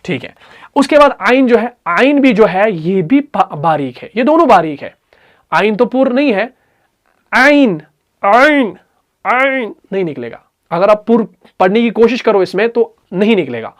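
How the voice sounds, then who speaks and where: A man with an Urdu accent teaching Quran recitation rules, patiently repeating letters and sounds slowly. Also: high-pitched, very animated. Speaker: tajweed teacher.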